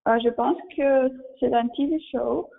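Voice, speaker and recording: High-pitched yet steady, with a gravelly, breathy edge, this woman speaks at a measured pace over phone-quality sound. She's in her thirties, has a Russian accent, and as an interview guest talks informally in French about her job and career, frequently searching for the right word.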